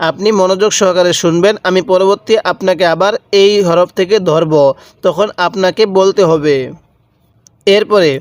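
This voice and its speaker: Recorded clean and dry in a studio, a man with a high, steady voice gives a step-by-step recitation lesson on reading Quranic letters. He patiently repeats every syllable, drawing each one out.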